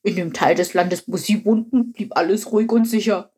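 A woman's voice: mid-range voice, normal speed, darkish tone, husky, lightly acted. A woman voicing a know-it-all male frog who tells the story in a matter-of-fact, slightly smug way.

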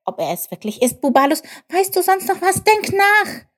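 Woman voicing a high, squeaky, impatient little male critter for a storybook, lively pitch. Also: normal speed, heavily acted. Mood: excited. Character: small eager curious young male creature.

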